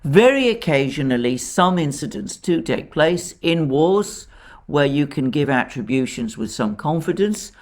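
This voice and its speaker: A man giving solo political commentary, speaking in a measured, deliberate way, with careful caveats and frequent restatements. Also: a little high, very animated.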